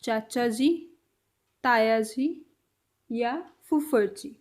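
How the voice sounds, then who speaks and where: Young woman teaching words, high voice, really slow, says each one twice. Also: fairly even intonation. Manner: repeats each word slowly, contrasting pronunciations. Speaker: language teacher. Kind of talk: slow spoken vocabulary lesson.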